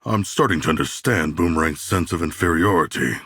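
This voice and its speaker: A man's voice: low-pitched, fairly quick, fairly bright tone, breathy edge, dry recording, studio quality. A man voicing a huge, bloodthirsty yet earnest shark king in a video game, speaking in formal, archaic, grandly declarative lines. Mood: earnest, matter-of-fact.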